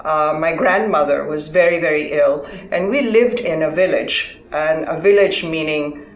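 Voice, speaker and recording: A woman in her sixties, born in Tanzania, answering interview questions in a thoughtful, halting way with many fillers. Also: sits low, roomy sound, poor audio. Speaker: interview guest, physician. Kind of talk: conversational interview.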